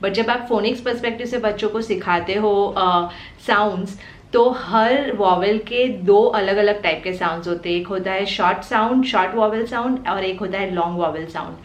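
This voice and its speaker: A woman with an Indian accent, hosting a parenting channel and patiently explaining phonics step by step, sounding out letters slowly. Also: mid-range voice, echoey room. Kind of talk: explanatory home teaching video.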